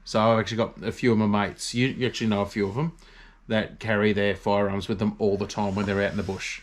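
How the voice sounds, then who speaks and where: A man's voice: on the low side, level tone, fast. An Australian man co-hosting a casual farm livestream, easygoing and matter-of-fact, greeting viewers by name. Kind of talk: casual chat.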